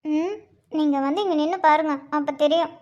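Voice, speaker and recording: This is a timid young wife in a cartoon, speaking softly in a very high voice, as a woman puts her on. She is a radio host and sounds hushed and nervous. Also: fairly even intonation, moderate pace, highs cut off, lightly acted.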